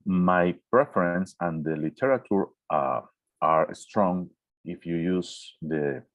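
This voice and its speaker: Man, deep voice, surgeon, careful explaining, many fillers, dull dry video-call sound. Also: no room sound. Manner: careful, explains slowly with frequent fillers and checks of okay. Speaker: orthopedic surgeon answering questions. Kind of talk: answering questions in a webinar. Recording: muffled, dry online call audio.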